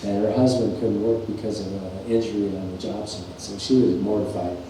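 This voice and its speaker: Middle-aged guy teaching a farrier clinic, low mellow voice, rambly folksy stories, big echoey room, a bit far from the mic. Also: level tone, a little fast. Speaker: farrier instructor. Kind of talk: clinic presentation storytelling. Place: large workshop or clinic hall. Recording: echoey shop, mic far off, faint hum.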